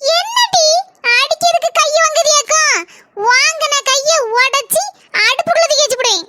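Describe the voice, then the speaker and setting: A woman voicing a sharp-tongued young wife in a cartoon, scolding with quick comebacks in a Kanyakumari Tamil accent. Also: very high-pitched, dry recording. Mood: quarrelsome.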